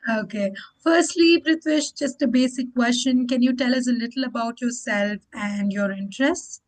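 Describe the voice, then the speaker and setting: Woman host, somewhat high voice, encouraging tone, reads set interview questions. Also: moderate pace, low-quality recording. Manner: encouraging, repeats warm praise between questions.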